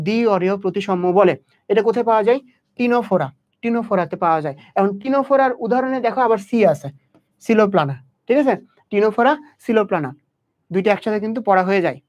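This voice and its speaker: An expressive young man speaks quickly in a high voice as he tutors biology in an exam-prep lecture. Addressing the student directly, he quizzes by asking questions and then answering them himself, all captured in dull, lo-fi audio.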